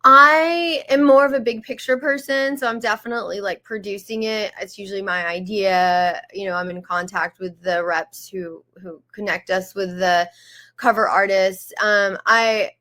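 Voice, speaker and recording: An American woman who founded and publishes a magazine answers interview questions casually and hesitantly, with lots of fillers and restarts, and describes herself as a little shy. Her mid-range voice is steady, bright and pushed, at normal speed.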